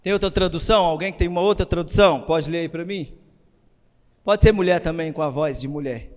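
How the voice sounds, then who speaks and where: A man preaching a sermon as pastor, asking the congregation questions and building up to shouted emphasis. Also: a little high, fairly quick. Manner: rises to shouting when stressing a point. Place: church. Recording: long reverb of a church hall.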